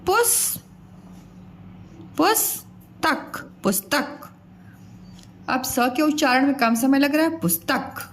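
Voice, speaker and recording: Woman teacher, children's lesson, sounds out each syllable, slow, faint hiss behind. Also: sits high.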